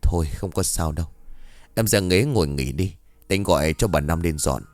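A man voicing a worried middle-aged father who talks in a low, brusque, gruff way. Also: normal speed, darkish tone, no room sound, close to an everyday voice.

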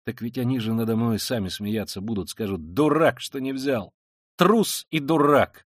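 A man's voice: on the low side, a little fast, a little mellow, no echo, clean studio sound, natural voice. A man reading an audiobook, voicing a tormented, proud young man who swings between intense outbursts and brooding mutters. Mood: bitter.

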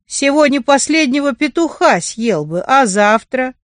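A woman's voice: high voice, animated, measured pace, dry recording, clean studio sound, voice pushed up. A woman voicing a grumpy, sulking male goat in a storybook reading, muttering to himself. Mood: sulky.

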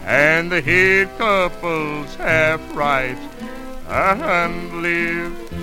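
Male square dance caller with a warbling, wobbly sing-song call, pitched a touch high and drawn out very slowly. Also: lively intonation, poor audio. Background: instrumental band music.

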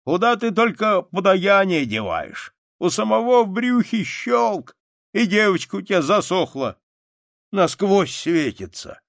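Mocking peasant hut owner, voiced by a male reader, raised pitch, lively delivery, dry audiobook sound. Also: measured pace, vocal fry, dry recording, exaggerated voice. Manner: mocking, sardonic. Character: mocking skeptical peasant hut owner, middle-aged man.

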